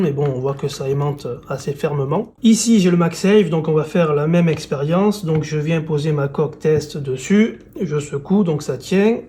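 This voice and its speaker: Relaxed, mellow-voiced man reviewing gadgets. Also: on the high side, a little hiss or hum. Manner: casual, relaxed, with many fillers. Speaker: tech reviewer. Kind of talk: product presentation and unboxing.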